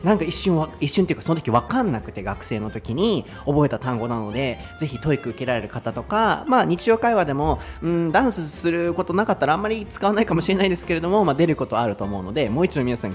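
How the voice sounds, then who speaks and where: Brief: male Japanese podcast host, lively teacher, quick and expressive. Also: a little high, soft background music. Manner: lively, explains with laughter. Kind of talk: casual bilingual lesson chat.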